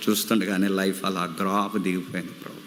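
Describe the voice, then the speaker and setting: A man preacher voicing a heartbroken young man who prays in low, tearful despair. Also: little pitch movement, fast, close to an everyday voice. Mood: mournful. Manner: tearful, low and mournful pleading. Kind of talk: acted prayer within a sermon. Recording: reverberant hall, faint music behind.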